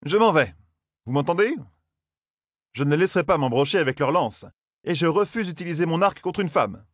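A man voicing an exasperated young man who protests loudly and in disbelief. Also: a little high, lively intonation, a little fast, no room sound, studio quality, pitched above the performer's own voice. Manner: loud, incredulous protests.

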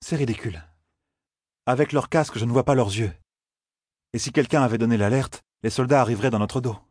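Stern older wise woman, sharp and scolding, put on by a male audiobook reader in a lifted voice. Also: mid-range voice, fairly quick, no echo, clean studio sound, voice pushed up, close to an everyday voice. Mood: tense.

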